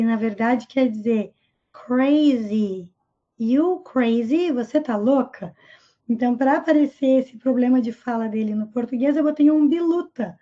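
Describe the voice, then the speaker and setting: A woman teaching English vocabulary and pronunciation, explaining a comic strip slowly and clearly. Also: high voice, warm tone, muffled recording. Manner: slow, careful pronunciation of English examples.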